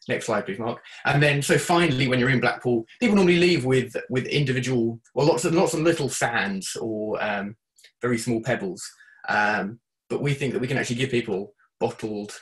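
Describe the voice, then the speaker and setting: A man presenting a student campaign pitch on a video call, his voice sitting at an ordinary middle pitch. He sounds upbeat and keen and fills the gaps with "um" as he moves through his slides. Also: normal speed. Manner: upbeat, steady pitch with fillers.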